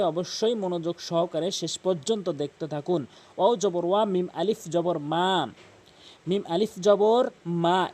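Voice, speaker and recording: A man with a Bangladeshi Bengali accent teaching Quran reading, spelling Arabic letters aloud and reciting syllables slowly. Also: sits high, darkish tone. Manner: slow, drawn-out recitation of syllables between explanations.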